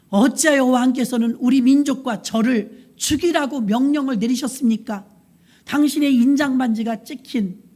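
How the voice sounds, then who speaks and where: A woman preacher voicing a wise young queen who pleads slowly and gravely before a king. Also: fairly high pitch, dark tone, close to an everyday voice.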